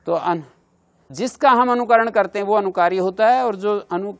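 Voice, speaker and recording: A man's voice: high-pitched, moderate pace, gravelly, a bit bright, lo-fi sound. A man teaching a grammar class, explaining step by step and stopping to check with his listeners by asking them questions. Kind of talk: classroom lecture.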